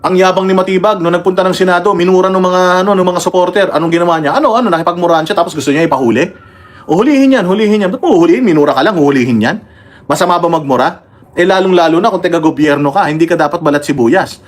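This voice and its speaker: A combative man from the Philippines hosts a political livestream, mocking his targets and pausing to thank members and read their comments. His voice sits a little higher than most men's, and he talks in a casual, heated way.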